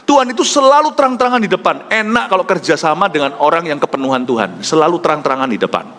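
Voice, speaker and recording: A man preaching a sermon as pastor, talking in an animated way that swings from shouts to near whispers and mixes in English words. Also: on the high side, quick pace. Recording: echoey hall with faint music.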